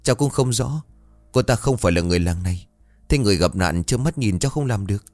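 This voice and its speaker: A man's voice: fairly low pitch, lively intonation, fast talker, darkish tone, dry recording, soft background music, close to an everyday voice. A man voicing a young village man who speaks in an urgent, breathless way. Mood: anxious.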